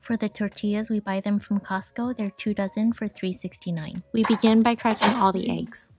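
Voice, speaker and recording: A woman giving calm, matter-of-fact voice-over instructions for a home cooking video, explaining each step plainly. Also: medium pitch, normal speed, faint music behind. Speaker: frugal cooking vlogger.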